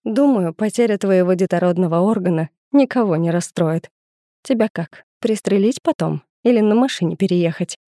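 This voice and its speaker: A woman narrating a first-person audiobook in a steady, intimate storytelling manner on a close studio mic. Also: on the low side, moderate pace, no room sound.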